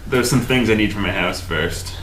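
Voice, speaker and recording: A man chatting casually as a player in a tabletop game, speaking haltingly. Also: on the low side, fairly bright tone. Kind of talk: casual chat. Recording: roomy echo, faint room noise.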